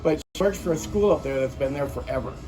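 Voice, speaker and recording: A man's voice: fairly high pitch, quick pace, over music, poor audio. A man from Minnesota telling strange stories in casual chat, rambling and swearing freely. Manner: rambling, swears casually, drops into quoted voices.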